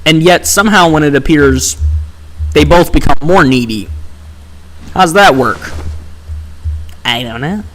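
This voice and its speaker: A man's voice: fairly high pitch, animated, unhurried, long pauses, fairly bright tone. A young man live-streaming a game, chatting casually and sarcastically while reading chat aloud. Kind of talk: casual gameplay commentary. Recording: faint background music.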